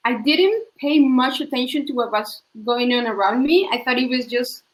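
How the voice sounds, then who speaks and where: Young woman, fairly high voice, reflective, lots of likes and ums, roomy echo. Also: normal speed. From Colombia. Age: young adult. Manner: reflective, many fillers like "like" and "um". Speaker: panelist. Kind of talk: panel discussion answer.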